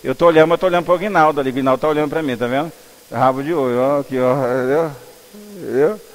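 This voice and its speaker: Man, Brazilian accent, pastor, higher-pitched voice, conversational sermon, echoing church hall. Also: rapid-fire. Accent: Brazilian Portuguese. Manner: conversational, animated storytelling with asides to the congregation. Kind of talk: storytelling sermon. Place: church sanctuary. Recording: long church hall reverb.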